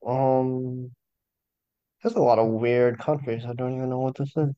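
A man's voice: mid-range voice, fairly even intonation, mellow, smooth, dry recording, lo-fi sound. A young man co-hosting a podcast, talking in a casual, joking way and stopping often to hesitate. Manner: hesitant, halting, lots of fillers. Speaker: podcast co-host.

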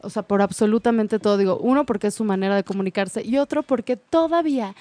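A woman's voice: mid-range voice, fast talker, dark tone, no room sound. A woman in a casual parenting chat, explaining ideas and agreeing with her co-host. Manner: explanatory, agreeing and building on points.

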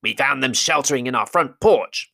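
A spiteful, groveling goblin guard who tattles loudly and shrilly, as a man puts him on in a storybook reading. The voice is pitched far above the reader's own and is sharp and forceful. Each line is pushed out in a raised voice. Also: lively intonation, normal speed, vocal fry, full character voice. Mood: tattling. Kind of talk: audiobook character voice.

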